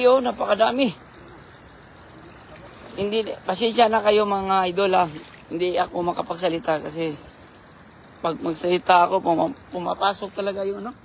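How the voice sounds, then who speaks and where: A hoarse man doing casual live-stream commentary on a night fishing trip, giving shout-outs and spelling names for viewers. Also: high-pitched, a little hiss or hum. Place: outdoors at night by the water.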